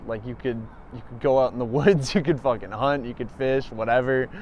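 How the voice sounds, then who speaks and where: A man's voice: mid-range voice, fairly quick, a little mellow, a little hiss or hum. A man speaking bluntly and casually in a street interview, swearing freely and laughing lightly.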